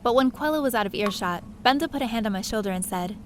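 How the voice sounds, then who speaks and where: A woman voices the lead character and narrator of an audio drama, a curious, sheepish young adventurer telling her own story in first person, with dialogue. Her reflective delivery is expressive and quick, her voice on the high side and close to an everyday tone. A little hiss or hum is audible.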